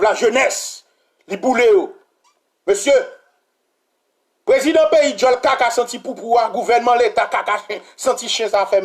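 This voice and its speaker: A man with a Haitian accent giving heated, repetitive political commentary that bursts into shouting. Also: high-pitched. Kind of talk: impassioned political commentary vlog.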